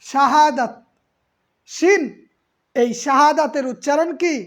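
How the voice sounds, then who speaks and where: High-voiced woman teaching a class. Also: unhurried. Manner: patient, repeats terms and quizzes students. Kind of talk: online exam-prep class.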